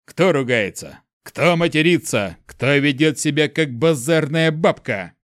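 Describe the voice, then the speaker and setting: A man voicing a male guardian who grumbles and mocks in a gruff, offhand way. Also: a little high, lively intonation, unhurried, no room sound, clean studio sound. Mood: teasing. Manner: grumbling, mocking. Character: gruff teasing male keeper, old ancient being.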